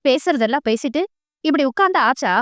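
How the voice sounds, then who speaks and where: A woman's voice: high voice, expressive, a little fast, a bit bright, dry recording, clean studio sound. A woman reading an audio novel voices a caring elder sister who scolds and coaxes in her own voice. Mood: scolding. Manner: reproachful, coaxing.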